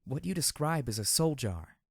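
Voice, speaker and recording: A man reading an audiobook, voicing a calm and distant female zebra spirit-medium who speaks in a slow, measured, solemn way. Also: mid-range voice, gravelly, breathy edge, no room sound, clean studio sound, voice pushed up, full character voice.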